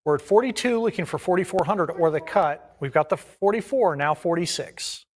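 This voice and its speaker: A man's voice: high-pitched, animated, moderate pace. A man working as an auctioneer, calling bids in a repetitive chant of numbers and increments.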